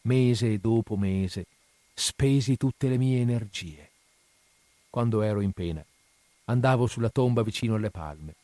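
A man narrating a dark first-person tale in a dramatic, mournful reading. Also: on the low side, unhurried, dry recording.

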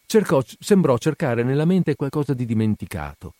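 Male audiobook narrator, animated literary reading, dry studio sound. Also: mid-range voice, normal speed, no room sound.

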